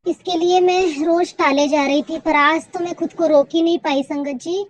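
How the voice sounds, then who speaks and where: A woman's voice: extremely high pitch, steady tone, normal speed. A woman sharing a heartfelt devotional testimony, repeating her thanks again and again. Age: adult.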